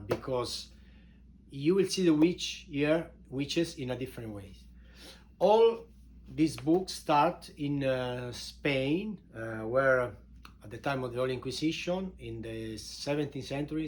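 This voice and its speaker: Italian-accented man over noticeable background noise. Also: mid-range voice. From Italy. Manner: halting non-native English with emphatic repetitions. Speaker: author and show host introducing his book. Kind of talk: informal spoken book introduction.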